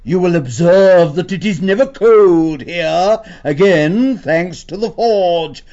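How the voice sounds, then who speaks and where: A man voicing a huge, fierce old male badger lord who speaks slowly and gravely. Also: expressive, mellow, exaggerated voice. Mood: stately. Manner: slow, booming and grave. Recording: dull lo-fi audiobook recording.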